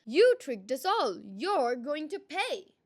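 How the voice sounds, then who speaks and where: A woman's voice: high-pitched, sing-song, a little slow, pushed and bright, pitched above the performer's own voice, full character voice. A woman playing a gullible, grumpy male villager in a storybook, blustering, emphatic and easily indignant. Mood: insistent. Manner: snappish, emphatic. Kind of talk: acted storybook dialogue.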